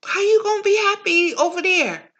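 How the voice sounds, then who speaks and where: A woman's voice: extremely high pitch, expressive, normal speed, a bit bright, highs cut off, voice pushed up. A woman voicing the mind as a slangy, mocking woman who coaxes and taunts the listener. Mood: coaxing. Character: the mind personified, sassy coaxing woman, mocking.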